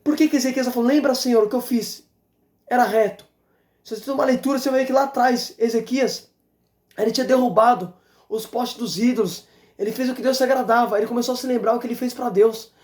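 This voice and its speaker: A man's voice: extremely high pitch, fast, a little mellow. Fervent evangelist man in echoey room. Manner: fervent and exhorting, repeats phrases, exclaims praise. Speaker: evangelist preacher. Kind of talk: fervent sermon. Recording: roomy echo.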